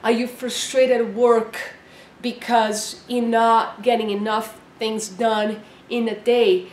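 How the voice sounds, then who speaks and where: Woman coach talking to camera, kinda high voice, asks lots of questions, roomy echo. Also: flat delivery, takes it slowly, a little mellow, slight background noise. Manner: earnest, encouraging, asks rhetorical questions. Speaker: life coach.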